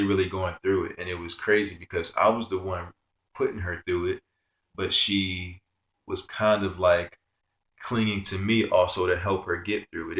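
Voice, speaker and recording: A man's voice: low voice, fairly bright tone, roomy sound. A man telling a personal spiritual story in an earnest, rambling way, with many fillers. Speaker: spiritual vlogger.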